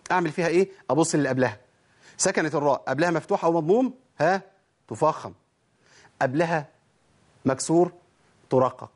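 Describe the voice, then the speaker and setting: A man with an Egyptian Arabic accent teaching tajweed rules, quizzing his listeners and answering his own questions. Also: on the high side. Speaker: Quran recitation teacher. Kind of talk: tajweed lesson.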